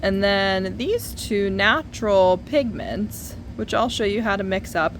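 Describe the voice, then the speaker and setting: A woman in her thirties gives a casual, chatty painting tutorial from a basement studio, speaking in a medium-pitched, animated, slightly slow voice. With no external microphone, she's recorded by a distant camera, and there's a little background noise.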